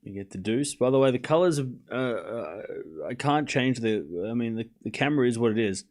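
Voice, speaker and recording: A young Aussie man with a medium-pitched voice, speaking a little fast, streams live tennis, calling each point and chatting casually with viewers. His style is loose and rambling; he reads out chat, answers it, and swears casually.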